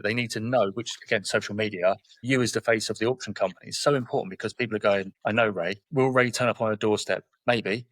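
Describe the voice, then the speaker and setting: Fast-talking southern English man in his forties. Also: lowish voice, fairly bright tone, no room sound. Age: 40s. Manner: straight-talking, tells anecdotes with quoted dialogue. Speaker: guest, property investor. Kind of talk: podcast interview conversation.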